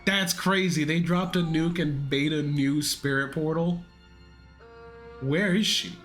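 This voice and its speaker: A man's voice: a little high, steady tone, slow pace, fairly bright tone, soft background music. A man giving casual reaction commentary, slangy, exclamatory and freely swearing. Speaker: reaction video host.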